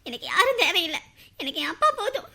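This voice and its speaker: A woman voicing a hurt, proud young mother in an animated drama, talking through bitter tears. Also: extremely high pitch, fast, exaggerated voice. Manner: tearful, bitter inner monologue.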